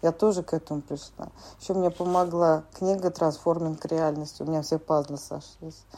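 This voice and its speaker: Halting woman in her forties, low mellow voice. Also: flat delivery. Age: 40s. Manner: halting, plain speech with many filler words. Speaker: support group member. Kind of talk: sharing at a recovery group meeting.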